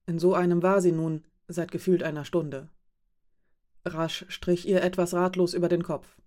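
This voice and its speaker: Woman reading a story out loud, lowish voice, calm and measured. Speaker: narrator. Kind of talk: scripted audiobook narration.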